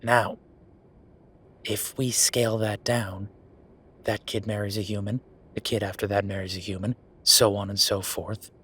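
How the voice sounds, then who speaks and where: A man voices a worn-down werewolf official sounding off to his partner, sardonic and conversational with emphatic pauses, in a roleplay audio drama. The lowish voice is husky with a sharp tone and flat delivery, yet heavily acted. He comes across as irritated while explaining.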